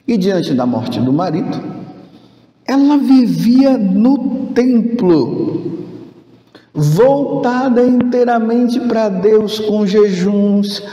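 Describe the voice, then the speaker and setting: Priest giving a homily, man, measured slow pace, slightly high voice, roomy church sound. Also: warm tone. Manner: slow, emphatic preaching with sudden rises in pitch. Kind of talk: sermon. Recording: echoey church with long reverb.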